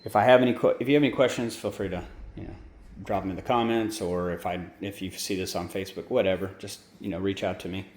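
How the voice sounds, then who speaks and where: A man's voice: sits low, fairly even intonation, fast, darkish tone, slight background noise. A man casually walking through his homemade gear setup, rambling and often correcting himself. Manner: rambling, self-correcting, informal. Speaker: hobbyist maker explaining his gear. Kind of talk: casual how-to walkthrough. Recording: roomy sound with faint ambience.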